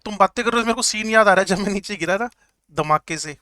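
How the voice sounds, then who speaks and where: Male chemistry teacher, joking lecture style, repeats terms slowly, high bright voice, dry sound. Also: smooth, no echo. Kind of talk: classroom lecture.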